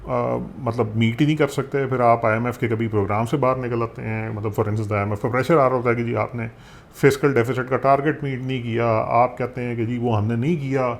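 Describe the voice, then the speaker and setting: Pakistani urdu-accent guy breaking down economics, casual and animated, mixing in english. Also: medium pitch, a little fast, vocal fry, slight background noise. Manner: animated, mixes English phrases, frequent fillers. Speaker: economics commentator. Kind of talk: conversational explainer.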